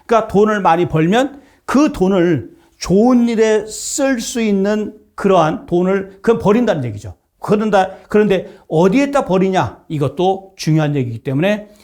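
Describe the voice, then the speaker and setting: A man's voice: sits high, expressive, normal speed, few pauses, darkish tone. A middle-aged man lecturing as a professor, retelling a historical story and acting out its characters' lines.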